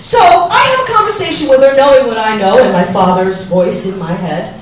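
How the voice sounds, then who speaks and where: Brash, lively New woman doing stand-up. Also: fairly high pitch, a little fast, a little hiss or hum. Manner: brash, gossipy storytelling with acted-out voices. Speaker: stand-up comedian. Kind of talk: stand-up comedy routine. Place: comedy club stage. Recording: echoey club sound from far off.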